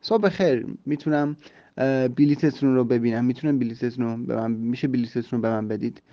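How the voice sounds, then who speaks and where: A man hosting a podcast English lesson, explaining and repeating phrases slowly so listeners can drill them. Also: mid-range voice, no room sound. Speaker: English teacher and podcast host. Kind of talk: language lesson. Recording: slightly dull lo-fi recording.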